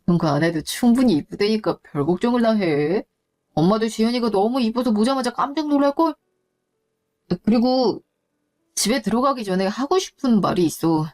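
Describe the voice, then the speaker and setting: A woman voicing an earnest young man who speaks in a soft, coaxing way in a story drama. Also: on the high side, lively intonation, normal speed, natural voice. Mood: tender. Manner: coaxing, fond.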